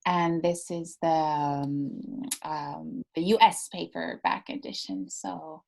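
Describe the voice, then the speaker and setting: A woman guest on a video call interview, talking about her work thoughtfully with many pauses and restarts. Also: low-pitched, steady tone, creaky. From United States (born in Iran). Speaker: novelist guest. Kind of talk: casual interview talk.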